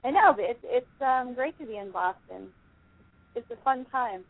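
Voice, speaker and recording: A woman's voice: on the high side, lively intonation, normal speed. Upbeat woman caller over the phone. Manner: upbeat sports fan. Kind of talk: casual call-in chat. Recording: tinny phone line.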